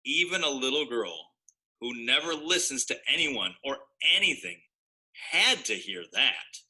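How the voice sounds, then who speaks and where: A man reads a children's story aloud with plenty of expression. His mid-pitched voice is very bright and forceful. He delivers it with a wry, mock-innocent air. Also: very animated, a little slow, poor audio. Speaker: storybook narrator.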